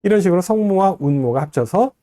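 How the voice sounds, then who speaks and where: A man giving a recorded lecture, explaining step by step and slowly modeling pronunciations. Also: high-pitched, expressive, dark tone, no echo, studio quality.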